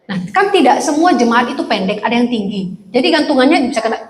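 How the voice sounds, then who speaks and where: A woman's voice: on the high side, quick pace. A woman pastor preaching a sermon in a church, joking and acting out voices in her stories. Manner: lively, joking, acts out quoted speech. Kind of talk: sermon with anecdotes. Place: church hall. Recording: echoey church hall.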